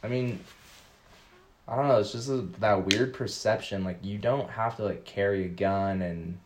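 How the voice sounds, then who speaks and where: A male guest in a casual conversation, talking in a rambling, halting way with constant fillers. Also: fairly low pitch, noisy background. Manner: rambling, halting, heavy use of "like". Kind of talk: casual chat.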